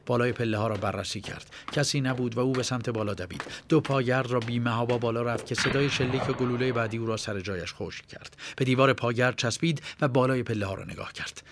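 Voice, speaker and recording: A man reading a suspenseful story aloud as an audiobook narrator, in a steady, even storytelling voice. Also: mid-range voice, slight background noise.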